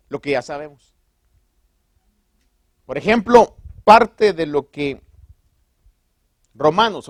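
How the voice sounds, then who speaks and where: A man preaching a sermon as pastor, conversational and animated, asking the congregation rhetorical questions and dropping in English phrases. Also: high-pitched, no echo, studio quality.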